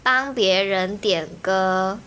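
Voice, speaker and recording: A young woman, chatting on a podcast in an animated, ranting way and laughing often. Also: medium pitch, slow pace, slight background noise. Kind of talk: casual chat.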